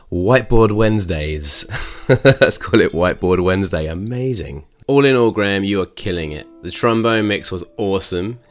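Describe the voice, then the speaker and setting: A man hosting his own podcast in a chatty, rambling way, laughing often and going off on asides. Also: medium pitch. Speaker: podcast host. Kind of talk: casual solo podcast chat.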